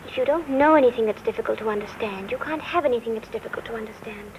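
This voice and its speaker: Woman doing soft earnest young castaway mom, kinda anxious, high voice, old movie feel. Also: fast, a little hiss or hum, close to an everyday voice, poor audio. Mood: gentle. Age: young adult. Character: gentle young castaway mother, wistful and anxious. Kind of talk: 1940s film acting.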